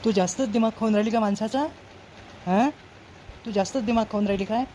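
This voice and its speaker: A woman's voice: mid-range voice, a little fast, warm tone, a little hiss or hum, natural voice. A woman with a Varhadi Marathi accent playing a grumpy, short-tempered husband who scolds and threatens in a village comedy skit. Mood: threatening. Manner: scolding, nagging, blustering threats.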